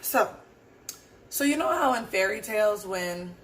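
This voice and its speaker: On her own podcast, a woman muses aloud in a hoarse, roughened voice, rambling earnestly and without hurry, circling back to her points with lots of fillers. Her pitch is ordinary mid-level, her intonation lively and her tone fairly bright. The low-quality recording carries a faint background hum.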